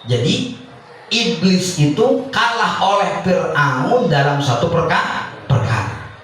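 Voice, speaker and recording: A male preacher with giving a humorous sermon, chuckling as he tells a story and chanting Arabic phrases slowly, recorded in a large, echoey hall from far off. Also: high voice, lively intonation, fairly bright tone, a little hiss or hum.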